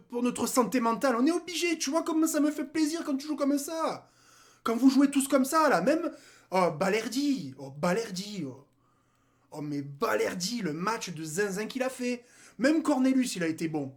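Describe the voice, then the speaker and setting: A man giving a casual football debrief, talking animatedly in slang, speaking straight to players and viewers and mocking the rival side. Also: very high-pitched. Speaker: football fan commentator.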